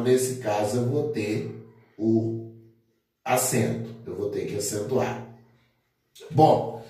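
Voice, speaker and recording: Slow, methodical teacher in echoey room. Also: male voice, medium pitch, a little mellow. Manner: methodical, repeats points, many fillers. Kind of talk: grammar lesson at a board. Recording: echoey room, distant mic.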